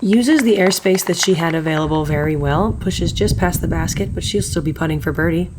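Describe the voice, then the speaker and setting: A woman's voice: on the low side, fairly quick, background noise. A woman co-commentating on disc golf in a conversational golf commentator's style. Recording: music behind the voice. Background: background music.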